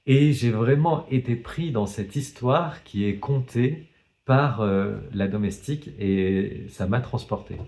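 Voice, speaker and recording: A man talking casually about a novel he read, with frequent pauses and restarts and some self-mocking humor. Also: medium pitch, a little mellow. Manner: hesitant, many fillers and restarts. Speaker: book vlogger. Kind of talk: casual book review vlog.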